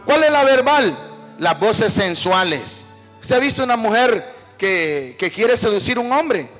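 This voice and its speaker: A male pastor preaching a fervent sermon, swinging between loud calls and hushed asides. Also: high voice, big pitch swings, a little slow. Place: church. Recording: preacher with long church-hall reverb, faint music.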